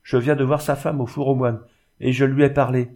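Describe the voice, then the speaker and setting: A man's voice: fairly low pitch, expressive, normal speed, a little mellow. A man voicing a jovial, gossiping old male peddler with a folksy way of talking, in a storybook reading.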